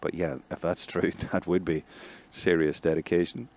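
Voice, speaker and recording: A man with a Northern Irish accent giving live play-by-play commentary, chatty between plays and excitable when a score comes. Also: low voice, moderate pace. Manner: conversational, excitable on big plays. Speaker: match commentator.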